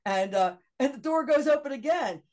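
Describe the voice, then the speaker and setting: Middle-aged woman guest, chatty and animated storyteller, laughing as she acts out her own lines. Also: high-pitched, moderate pace. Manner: animated anecdote with laughs and quoted dialogue. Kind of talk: casual storytelling.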